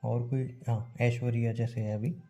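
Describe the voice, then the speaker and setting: A man's voice: mid-range voice, flat delivery, moderate pace, mellow. A young man teasing his girlfriend in a casual phone chat. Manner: playful teasing, acts out others in quotes. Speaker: boyfriend on a phone call.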